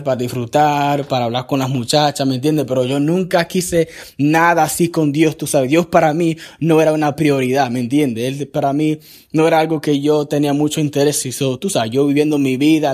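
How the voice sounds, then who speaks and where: A pastor speaks in an easy, conversational way as he tells his life story, leaning on fillers and dropping in English words. His voice sits at an ordinary middle pitch. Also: a little mellow. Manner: casual, fillers like "tú sabes", mixes in English. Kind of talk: personal testimony.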